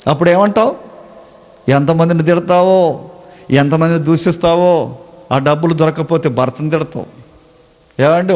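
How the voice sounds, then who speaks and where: A man's voice: on the high side, a little mellow. A male pastor preaching a sermon, asking the congregation rhetorical questions and addressing them directly.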